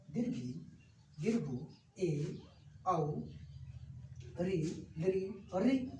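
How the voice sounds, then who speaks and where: High-voiced man teaching from across an echoey room. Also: warm tone, recorded from a distance, slight background noise. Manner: slow, repetitive, lists items one by one. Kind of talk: classroom lesson to camera. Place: classroom with a board.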